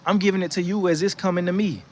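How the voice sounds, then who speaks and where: A fast-talking man with a high-pitched, fairly even voice streams about faith from a rocking chair on his outdoor porch. He reads the chat and gives laid-back spiritual encouragement, preachy yet conversational, often restarting and saying "you know what I'm saying."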